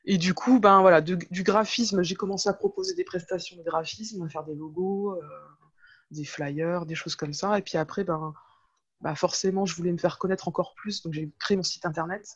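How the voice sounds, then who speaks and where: As a guest on a podcast, a web entrepreneur whose first language is French chats casually about her life, frequently hunting for the right word. Her voice sits on the low side, steady and slightly rough, at normal speed, and the audio is dull.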